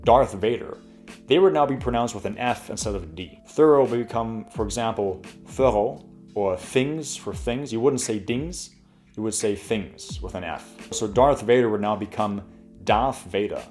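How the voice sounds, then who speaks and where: A man's voice: on the low side, brisk, a little mellow, soft background music. A young man in his twenties hosting a casual pronunciation lesson, chatty and full of fillers, demonstrating sounds as he goes. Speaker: language tutorial host.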